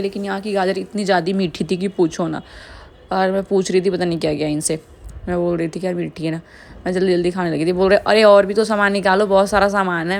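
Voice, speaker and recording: A young woman from India, a chatty vlogger doing a casual voice-over who often laughs. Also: medium pitch.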